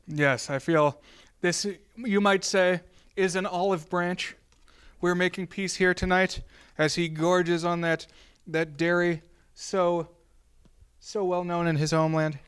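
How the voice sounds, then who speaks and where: Man playing a clear-voiced public access TV horror host. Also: high-pitched, steady tone, a bit bright. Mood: genial, coaxing. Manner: mock-formal, wordy, halting. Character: genial, courtly, rambling horror-host count.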